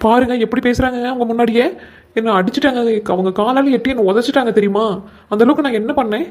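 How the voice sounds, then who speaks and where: A woman's voice: a little high, quick pace, darkish tone, close to an everyday voice. A woman voicing a young cartoon daughter-in-law who complains plaintively about her treatment. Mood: aggrieved. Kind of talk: comic cartoon voice acting.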